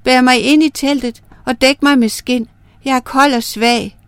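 A woman's voice: high-pitched, fairly even intonation, clean tone, dry recording. A woman voicing the moon as a weak, pleading male spirit who solemnly promises his service, in a told folk tale.

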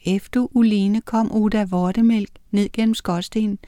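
A woman narrating a children's audiobook, reading with lively character voices. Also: mid-range voice, dry recording, clean studio sound.

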